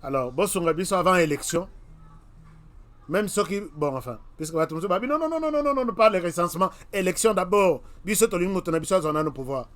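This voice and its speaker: A high-voiced Congolese man, animated and fast-talking with a somewhat bright tone, hosts his own web TV channel. He addresses viewers head-on with emphatic commentary full of repeated warnings.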